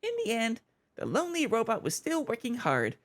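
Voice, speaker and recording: A man's voice: extremely high pitch, huge pitch swings, a little fast, fairly bright tone, voice pushed up, exaggerated voice. A man voicing Paimon, a tiny talkative female fairy companion, telling a story in a sing-song way over game music. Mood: storytelling.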